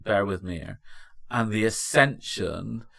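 A man's voice: lowish voice, animated, measured pace, gravelly, a bit bright. A man co-hosting a podcast in casual chat, informal and given to banter. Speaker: podcast co-host.

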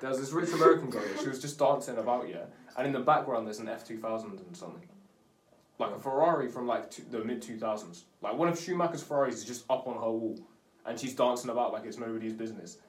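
A man's voice: medium pitch, fast. A young man co-hosting a podcast, laid-back and joking in slangy casual chat. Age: young adult. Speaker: podcast co-host. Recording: roomy echo, far from mic, faint noise.

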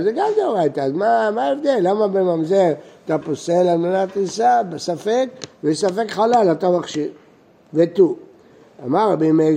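A man's voice: a little high, gravelly, mellow. A man teaching a page of Talmud as a rabbi, reading lines aloud and explaining them, often asking questions and then answering them himself. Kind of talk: explaining a text line by line.

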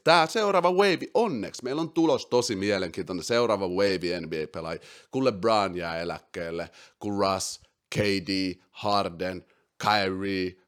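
A man hosting a casual podcast, excitable, swinging between loud outbursts and quiet asides, dropping English slang into his talk. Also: deep voice, clean tone. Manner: mixes English slang into speech. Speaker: podcast host. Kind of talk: casual basketball chat.

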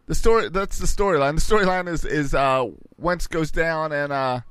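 A man's voice: a little high, normal speed, fairly bright tone, smooth, dry recording. A man co-hosting a sports podcast, talking in casual, argumentative banter.

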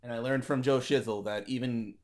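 A man's voice: mid-range voice, steady tone, a little fast, darkish tone. Joking man on a wrestling podcast. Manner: joking, rambling with fillers. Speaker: podcast co-host. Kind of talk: casual chat over a watch-along.

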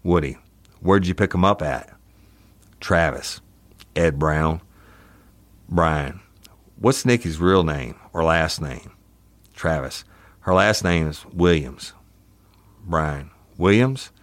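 A man's voice: low voice, takes it slowly, pauses often, no room sound. A man reading a police interview transcript aloud in a procedural manner, like a taped interrogation, naming each speaker. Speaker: host, former police detective.

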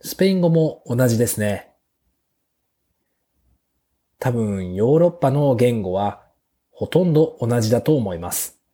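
Slow, soft-spoken Japanese teacher man. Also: mid-range voice, expressive. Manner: slow, clear teacher's delivery with fillers. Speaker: podcast host teaching Japanese. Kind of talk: slow, simple Japanese lesson for beginners.

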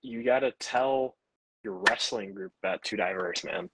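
A man's voice: medium pitch, moderate pace, noisy background. A young man co-hosting a podcast, chatting casually, often stumbling over his words and swearing casually. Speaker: podcast co-host. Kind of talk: casual chat.

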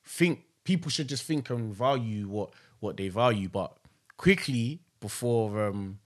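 A young man, co-hosting a podcast. He makes reflective points in a measured way. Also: mid-range voice, expressive. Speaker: podcast co-host. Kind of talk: casual chat.

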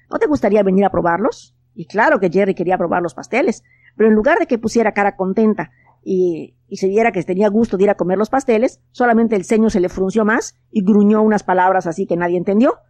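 A woman narrating a children's story in a gentle, expressive way. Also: mid-range voice, no room sound.

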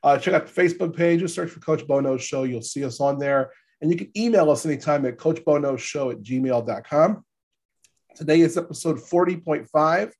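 A man with a stuffy, gravelly voice from allergies, hosting a casual sports podcast and informally rephrasing his points as he goes. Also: fairly high pitch, moderate pace, a little mellow. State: congested from allergies. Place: podcast studio.

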